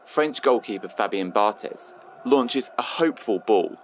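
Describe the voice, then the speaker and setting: Low-voiced man narrating a sports story. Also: animated, unhurried, slight background noise. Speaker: radio presenter. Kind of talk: scripted narration.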